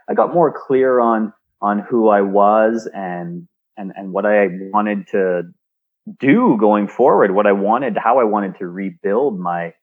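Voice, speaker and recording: A low-voiced Canadian man, a speaker and engineer, appears as a guest in a remote interview, telling stories reflectively. He often repeats words and restarts his sentences. The call audio sounds dull.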